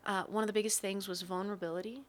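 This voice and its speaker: A woman's voice: medium pitch, fairly even intonation, rapid-fire. A young woman, a guest on a faith interview, telling her story earnestly and candidly, with frequent restarts. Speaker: guest, worship coordinator. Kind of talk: conversational testimony interview.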